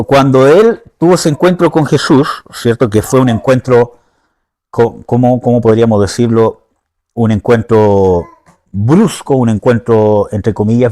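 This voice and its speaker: Man, preacher, warm mellow voice, informal teaching sermon, keeps checking in with listeners. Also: mid-range voice. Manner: informal, checks in with listeners often, searches for words aloud.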